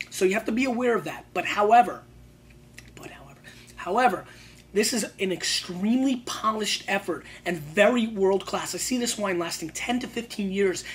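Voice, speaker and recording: Woman giving casual wine tasting notes, noisy recording. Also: mid-range voice. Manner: emphatic, colloquial, repeats phrases for emphasis. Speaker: wine show host.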